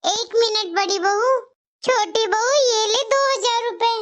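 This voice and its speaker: A stern but fair mother-in-law in a cartoon story, voiced by a woman, lecturing her daughters-in-law. The voice sits very high and sounds bright and sharp. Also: measured pace. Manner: scolding, lecturing.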